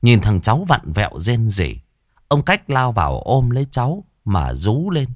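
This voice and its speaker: A man narrating a horror story in a dramatic, expressive way. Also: mid-range voice, normal speed, no echo, studio quality.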